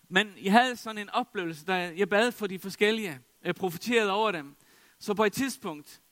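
A middle-aged man gives a sermon testimony in a fairly high voice. He tells his story loosely, with plenty of fillers and restarts. The recording is dry and close, with no room sound. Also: fairly bright tone, no echo. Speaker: preacher.

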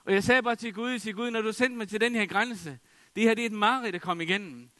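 A middle-aged man gives a sermon testimony in a fairly high voice. He tells his story loosely, with plenty of fillers and restarts. The recording is dry and close, with no room sound. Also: bright, forceful tone, no room sound. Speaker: preacher.

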